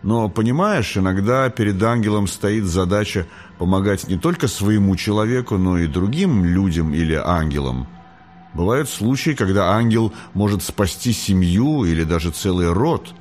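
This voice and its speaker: A man reading an audiobook, voicing a gentle, timid young girl angel who pleads and frightens easily. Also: lowish voice, lively intonation, normal speed, soft background music, close to an everyday voice. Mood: calm.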